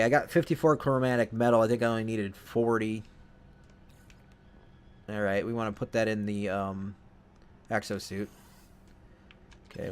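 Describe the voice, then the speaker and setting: Guy narrating his let's play, rambly, stumbles over words, just thinking out loud. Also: mid-range voice, slight background noise. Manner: rambling, self-correcting, thinking aloud. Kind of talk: casual gameplay commentary.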